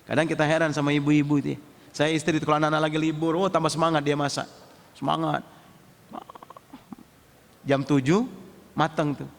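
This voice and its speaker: Male preacher, high voice, lively storytelling sermon, long hall reverb. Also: brisk, creaky, long pauses. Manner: lively, acts out household dialogue. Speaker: Islamic preacher.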